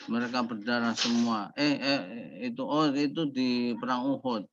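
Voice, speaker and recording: A man giving a classroom lecture on Islamic teaching, talking in a lively way and acting out the people he quotes. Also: medium pitch, moderate pace. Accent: Indonesian. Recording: dull lo-fi classroom recording with faint noise.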